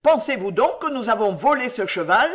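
A narrator voicing an excitable, easily outraged elderly gentleman in an audiobook, his lines loud and exclaimed. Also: medium pitch, normal speed. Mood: indignant.

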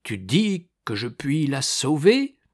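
Scared gruff old pope, man doing the voice, stammers, jumpy pitch. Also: big pitch swings, takes it slowly. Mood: startled. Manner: anxious, stammering. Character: old pope, fearful and gruff, easily rattled. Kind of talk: audiobook reading.

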